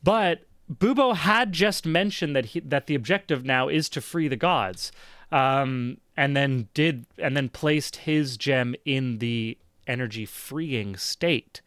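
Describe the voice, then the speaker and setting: Man, game master, steady unhurried narration, plenty of ums, dry close recording. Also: mid-range voice, clear, resonant tone, dry recording. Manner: measured, thinking aloud with fillers.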